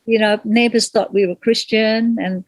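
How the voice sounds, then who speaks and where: Interview guest: middle-aged woman from Malaysia, a little high-pitched, reflective and unhurried, close and dry. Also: fairly even intonation, dry recording, rough recording. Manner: gentle, thoughtful, searches for words. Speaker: guest, kirtan singer.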